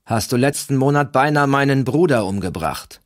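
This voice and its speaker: A man's voice: mid-range voice, expressive, normal speed, no room sound, clean studio sound, voice pushed up, close to an everyday voice. A man reading aloud, voicing a determined young Norse leader who pleads earnestly. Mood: urgent.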